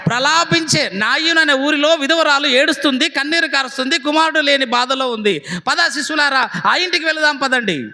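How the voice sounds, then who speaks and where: A pastor preaching a sermon in a very high, bright voice. He tells scenes dramatically, with big pitch swings and stretched-out words. A long reverb from the church hall trails his voice. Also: brisk.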